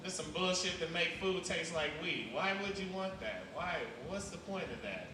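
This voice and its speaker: High-voiced man doing stand-up in an echoey club. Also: expressive, normal speed. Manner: loose, rambling delivery with sudden loud outbursts. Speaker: stand-up comedian. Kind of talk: stand-up comedy set. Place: comedy club stage. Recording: roomy, distant live club recording with noise.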